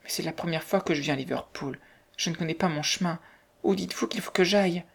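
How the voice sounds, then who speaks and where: A reader voicing a young working woman in despair, speaking in a soft, breathy half-whisper. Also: mid-range voice, fast talker, voice pushed up. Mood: anxious.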